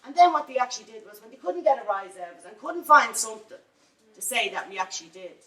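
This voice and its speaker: A woman's voice: fairly high pitch, very animated, fast, a bit bright. A woman with a Dublin accent speaking at a campaign panel, telling a story with growing indignation. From Ireland. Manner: indignant, storytelling, rising to anger. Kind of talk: impassioned panel talk. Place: large hall at a bookfair. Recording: echoey hall, voice from far off.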